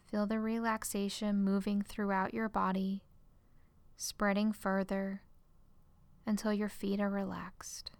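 A woman guiding a relaxation exercise in a calm, soothing way, her phrases trailing off into soft whispers. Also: mid-range voice, measured pace, clean tone, no room sound. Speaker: relaxation guide. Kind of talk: guided relaxation script.

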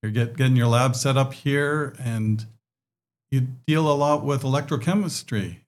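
A man's voice: mid-range voice, normal speed. A man hosting a podcast, asking questions in a friendly way and often repeating words as he thinks. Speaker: podcast host. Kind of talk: conversational interview.

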